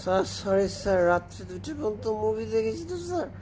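A man's voice: high voice, animated, fast talker, a little mellow, slight background noise. A man doing a sleepy, mumbling student. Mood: drowsy. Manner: sluggish, mumbling. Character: sleepy, drowsy male student.

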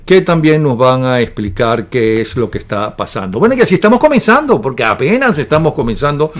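A man hosting a daily news show, reading sponsor credits and teasing his co-host with quick joking questions. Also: mid-range voice, very animated.

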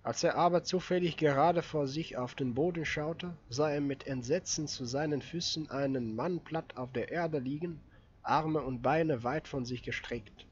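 Man reading an audiobook, measured. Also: on the high side, highs cut off. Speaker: audiobook reader. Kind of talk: audiobook narration.

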